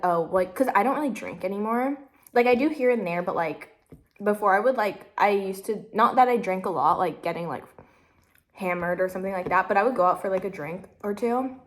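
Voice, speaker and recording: A vlogger in her twenties with a medium-pitched voice chats on and on while eating in a casual mukbang. Her talk is loose and rambling, packed with "like" and "literally," and she sometimes speaks around a mouthful of food.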